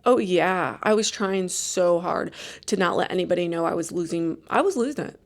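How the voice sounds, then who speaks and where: Chatty woman with a gravelly edge. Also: lowish voice, expressive, moderate pace. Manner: chatty, rambling, self-deprecating with frequent restarts. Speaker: podcast host. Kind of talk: casual storytelling monologue.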